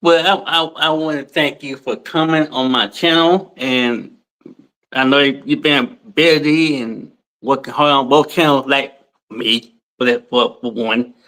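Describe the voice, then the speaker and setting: A man hosting a casual interview, thanking his guest and asking halting questions. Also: mid-range voice, steady tone, a bit bright, poor audio. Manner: brief backchannels, halting questions. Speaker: host.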